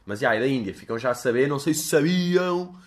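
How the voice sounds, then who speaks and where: A man's voice: mid-range voice, animated, fairly quick. Rambling Portuguese man hosting a podcast. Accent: European Portuguese. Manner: rambling, self-mocking, swears freely. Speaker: podcast host. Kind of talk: casual solo podcast monologue.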